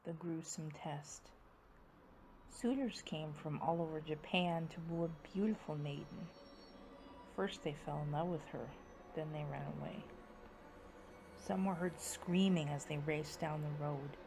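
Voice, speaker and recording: A woman storyteller with a low voice narrates in a playful, spooky way. She shifts from hushed, suspenseful phrases to sudden dramatic swells. There is some ambient noise behind her. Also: measured pace, rough recording.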